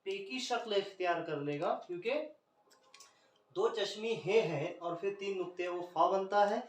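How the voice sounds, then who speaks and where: Far from the microphone, a man with a high-sitting voice and an Indian Urdu accent teaches an Urdu poetry scansion lesson at a moderate pace. He spells out letters one by one, and the recording has a roomy echo with him off the mic.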